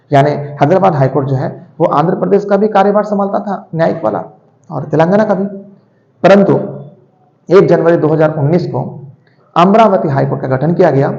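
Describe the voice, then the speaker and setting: A male teacher explaining a lesson quickly, often correcting himself and repeating his points. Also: on the high side, gravelly, a little mellow. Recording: echoey room, dull lo-fi sound.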